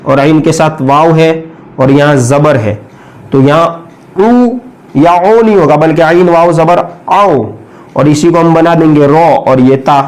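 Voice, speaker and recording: A man giving a patient, step-by-step lesson on writing letters, drawing out each sound slowly and often checking in with the viewer. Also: fairly high pitch, darkish tone. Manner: frequent check-ins with the viewer. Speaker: Urdu writing teacher.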